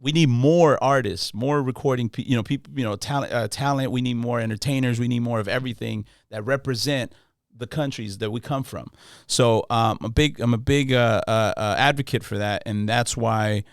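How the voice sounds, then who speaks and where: A Los man hosts a casual podcast chat, loose and friendly, trailing into slang and restarting his sentences. His voice sits at an ordinary middle pitch. The sound is dry and close. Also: normal speed, no room sound. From Los Angeles. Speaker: podcast host.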